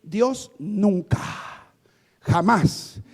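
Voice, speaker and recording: A male pastor preaching a fiery evangelical sermon, swinging from quiet asides to shouted climaxes. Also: high-pitched, extremely slow.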